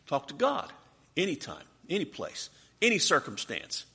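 A man's voice: fairly high pitch, wildly swooping pitch, normal speed, creaky, sharp tone, husky. A man leading a Bible study class, teaching animatedly and putting questions to his listeners.

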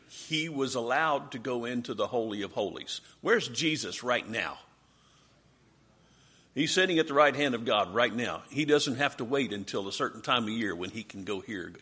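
A man's voice: medium pitch, a bit bright, slightly rough. A man leading a Bible study class, teaching animatedly and putting questions to his listeners.

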